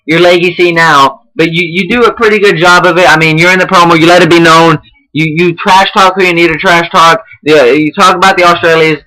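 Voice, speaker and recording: Young man, bright voice, rambling casual feedback host, swears a lot. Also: a little high, poor audio. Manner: rambling, profane, many restarts and fillers. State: out of breath. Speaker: online wrestling roleplay host giving feedback.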